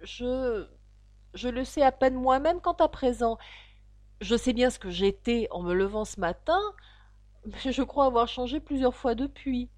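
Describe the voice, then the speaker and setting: A woman's voice: a little high, expressive, moderate pace, darkish tone, no echo, voice pushed up, natural voice. Woman voicing a polite, flustered storybook girl. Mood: earnest. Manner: polite, earnest, a little flustered. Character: polite, confused young girl.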